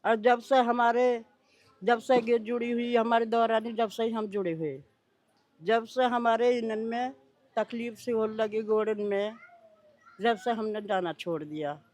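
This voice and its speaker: A woman, answering a reporter's questions in halting, rambling sentences. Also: a little high, darkish tone. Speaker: interviewee, devotee. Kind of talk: field interview answers.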